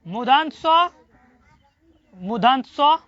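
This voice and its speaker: A teacher giving a classroom grammar lesson, drilling students with repeated questions and slowly sounding out syllables. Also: mid-range voice, animated, a bit bright, no echo. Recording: dull lo-fi recording.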